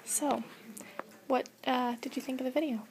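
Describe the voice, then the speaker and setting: Young female interviewer, probing and halting; gravelly fry in the voice. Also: high-pitched, steady tone, darkish tone, a little hiss or hum. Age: young adult. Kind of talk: mock street interview.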